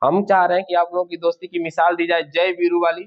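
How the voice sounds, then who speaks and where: A man's voice: high voice, monotone, fast talker. A man teaching an English grammar class, who keeps asking his students questions and then answers them himself. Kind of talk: classroom lesson. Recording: dull lo-fi classroom recording.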